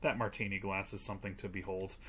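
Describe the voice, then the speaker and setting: A man's voice: sits low, flat delivery, fast, bright, forceful tone, a little hiss or hum. A man co-hosting a casual movie review podcast, rambling with many fillers, swearing and laughing. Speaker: podcast co-host.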